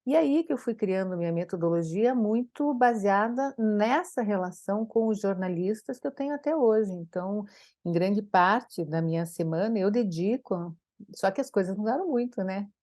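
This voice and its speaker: A woman speech therapist from Brazil telling stories from her career in an interview, lively and expressive. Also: moderate pace, no echo, studio quality. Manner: animated, acts out quoted dialogue with big pitch jumps. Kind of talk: conversational interview storytelling.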